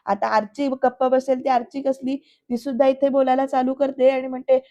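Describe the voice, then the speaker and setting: Woman recapping a serial episode for her viewers, high and flat in tone, on a slightly muffled recording. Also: normal speed. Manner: chatty retelling that addresses the viewers. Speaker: serial reviewer.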